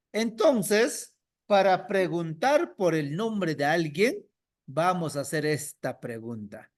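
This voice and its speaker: Slow, lively-pitched male teacher. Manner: patient, questions students by name; repeats and spells out answers slowly. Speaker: language teacher. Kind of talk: online class teaching.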